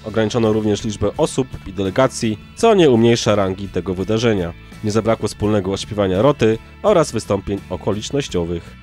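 Male news voice-over, lowish pitch, scripted delivery, soft music bed. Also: expressive, a little fast, few pauses. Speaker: news narrator.

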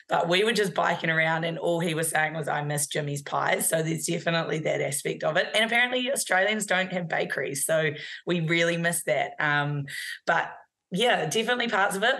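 Young Kiwi woman, guest athlete on a remote call; low, fry-tinged, chatty with ums. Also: fairly bright tone. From New Zealand. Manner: upbeat, many ums, uses Kiwi slang. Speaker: guest netball player. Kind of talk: live remote interview.

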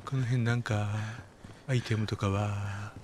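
A man with a Kansai accent giving casual running commentary while playing a game, often telling a character to be quiet. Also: lowish voice, steady tone, unhurried, slight background noise. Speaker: game streamer. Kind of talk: casual let's-play commentary.

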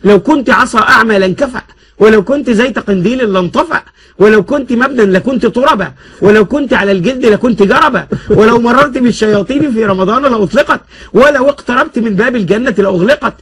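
A man's voice: extremely high pitch, quick pace, fairly bright tone, breathy edge. A man reciting comic rhymed classical prose in a rhythmic, declaiming manner.

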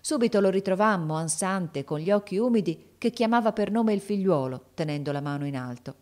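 A woman narrating an audiobook of a classic novel, reading expressively and lifting her voice for the characters' shouts. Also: mid-range voice, expressive, brisk.

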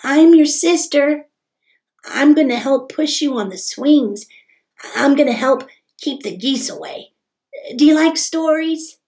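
A woman's voice: sits high, slow pace, a little mellow, pitched above the performer's own voice. A woman voicing an eager young girl who is about to become a big sister.

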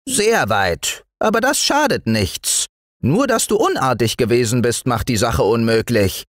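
A man voicing a small gray male forest dwarf in a bedtime storybook, with a thin, high voice and a scolding manner. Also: unhurried, dry recording, studio quality. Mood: earnest. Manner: scolding, lively. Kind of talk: storybook reading.

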